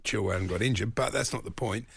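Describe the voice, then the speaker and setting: A man's voice: lowish voice, fast, gravelly, a bit bright, husky. A man in his sixties with an English accent, co-hosting sports radio in chuckly, rambling casual banter. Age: 60s.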